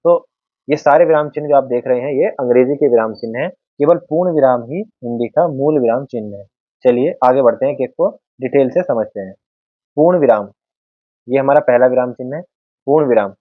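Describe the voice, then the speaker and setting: Hindi grammar teacher on a tinny line. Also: male voice, mid-range voice, a little fast, no room sound. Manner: patient, explains with examples, addresses viewers as friends. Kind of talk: explanatory lesson over slides. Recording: dry, narrow phone-like sound.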